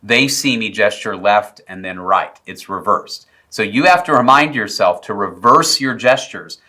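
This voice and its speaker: A man teaching preaching technique in a video lesson, explaining clearly and demonstrating vocal examples. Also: lowish voice, a little slow, bright, forceful tone. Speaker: preaching instructor.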